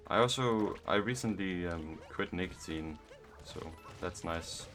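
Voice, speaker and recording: A young man giving casual gameplay commentary, musing aloud in a flat monotone and rambling. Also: sits low. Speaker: gaming vlogger.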